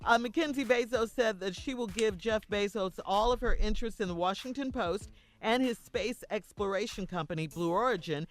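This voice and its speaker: A woman's voice: mid-range voice, moderate pace, few pauses. An American woman co-hosting a morning radio show, talking like a radio DJ and reading entertainment news. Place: radio studio.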